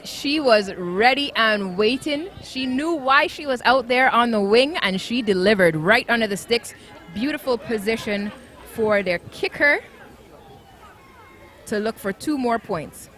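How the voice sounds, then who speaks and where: A woman's voice: on the high side, animated, unhurried, fairly bright tone, a faint crowd. A woman commentating live on a rugby match at an outdoor ground, explaining the play in an upbeat way.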